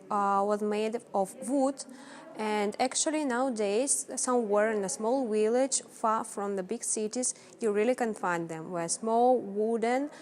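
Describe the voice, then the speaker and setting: A woman with a Russian accent giving an informal explanation, halting with frequent fillers. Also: mid-range voice.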